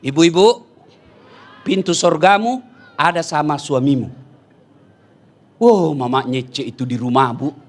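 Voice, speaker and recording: A man preaching a lively, humorous sermon, telling stories with bursts of shouting and laughter. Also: a little high, measured pace, long pauses.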